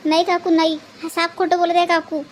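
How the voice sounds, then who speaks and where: A woman's voice: very high voice, little pitch movement, brisk, slight background noise. A woman voicing a timid young village girl who pleads her innocence, speaking with a Varhadi Marathi accent. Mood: pleading. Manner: pleading, defensive.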